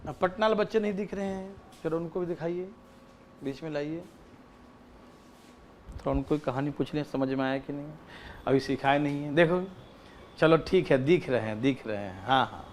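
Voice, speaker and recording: A man's voice: fairly high pitch, moderate pace, pauses often, a little hiss or hum. A man teaching an online class, repeating himself and checking again and again that students can hear him. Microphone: phone mic, battery ran out mid-class.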